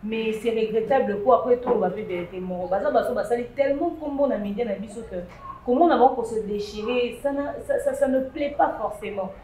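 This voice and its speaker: A woman, chatting lively on a talk show panel, with emphatic bursts. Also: a little high, brisk. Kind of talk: casual chat show commentary. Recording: echoey room with faint noise.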